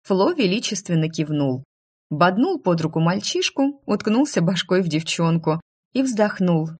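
A woman narrating a story aloud with a lively, expressive, lightly ironic delivery. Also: fairly low pitch, measured pace, slightly rough. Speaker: audiobook narrator.

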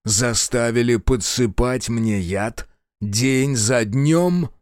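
A man playing a stern male prince and archmage in an audiobook, speaking slowly and coldly with authority. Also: medium pitch, darkish tone, no room sound, studio quality, natural voice. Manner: slow, cold, commanding.

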